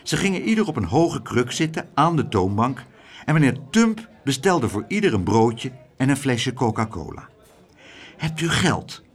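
A man reading a children's story aloud in a lively, expressive way. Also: mid-range voice, normal speed, breathy edge. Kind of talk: storybook narration.

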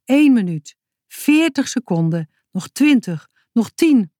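Een vrouw die een snel denkend, bazig meisje voorleest, dringend en bevelend. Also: female voice, a little high, big pitch swings, slow pace, dark tone, dry recording, studio quality, pitched above the performer's own voice. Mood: urgent. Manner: urgent, commanding. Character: quick-thinking bossy girl in a hurry.

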